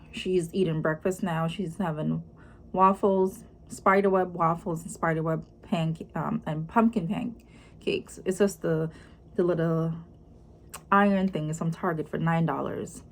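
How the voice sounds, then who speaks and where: A woman with a Jamaican accent chatting casually in a vlog, explaining things as she goes in an unhurried, conversational way. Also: lowish voice. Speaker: vlogger. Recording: clearly noisy room ambience.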